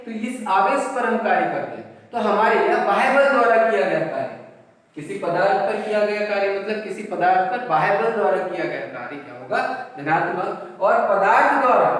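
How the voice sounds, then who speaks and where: A man gives a classroom physics lecture, his high voice bouncing around a large, very echoey room. He sounds far from the mic, with faint noise behind him. He keeps asking questions and answering them himself, repeating the key terms. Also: a bit bright. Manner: mixes in English words and numbers. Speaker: physics teacher.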